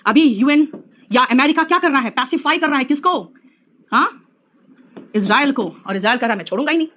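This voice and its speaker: Brief: middle-aged woman teacher, high-pitched, playful and scolding, lecturing a class. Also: moderate pace, muffled recording. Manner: lively, teasing, mixes English phrases into talk. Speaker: English teacher.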